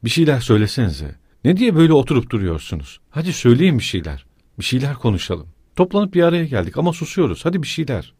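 A man's voice: fairly low pitch, very animated, a little fast, hardly any pauses, darkish tone, no echo, clean studio sound. A man voicing a feverish, irritable young man who speaks in abrupt, edgy outbursts. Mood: agitated.

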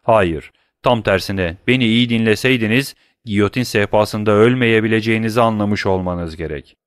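A stern middle-aged prosecutor played by a male audiobook reader presses his accusations with a forceful, cutting voice. The reading sounds dry and close, with no room around it. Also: lowish voice, moderate pace, clean tone, dry recording, close to an everyday voice. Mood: scornful.

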